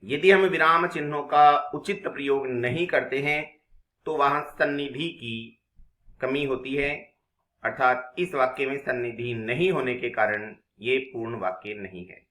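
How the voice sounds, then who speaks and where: A man's voice: mid-range voice, a little slow, bright, forceful tone, roomy sound. A man teaching an exam-prep grammar lesson, explaining step by step and asking and answering his own questions. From India.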